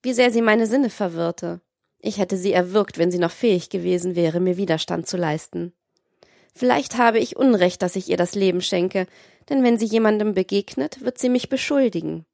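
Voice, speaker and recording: A woman's voice: medium pitch, moderate pace, gravelly, a little mellow, no room sound, studio quality, natural voice. A woman reading the lines of a depraved, cruel man who gloats and schemes to himself. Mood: scheming. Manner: gloating, scheming inner talk. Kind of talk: dramatized audiobook reading.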